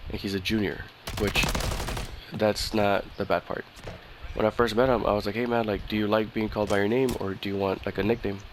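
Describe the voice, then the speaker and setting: Chatting with a friend during a shooter game, a man with a fairly low voice tells a long, rambling story over voice chat, packed with "like," swearing, fillers and restarts. His delivery is flat and brisk, with clear gunfire and clicks from the game behind him throughout in a noisy background.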